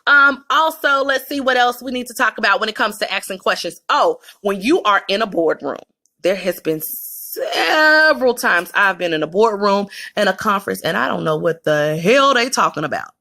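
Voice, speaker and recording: A woman's voice: mid-range voice, lively intonation, moderate pace, sharp tone. A woman with a Southern US accent, giving candid, emphatic career advice straight to camera in a casual vlog.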